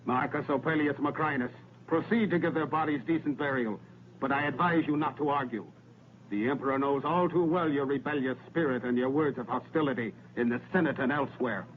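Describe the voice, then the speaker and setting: An actor playing a stern Roman imperial officer, speaking in a formal, official way in a dubbed historical film. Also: male voice, medium pitch, a little fast, close to an everyday voice. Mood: stern warning. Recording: tinny narrow-band old film soundtrack, noisy.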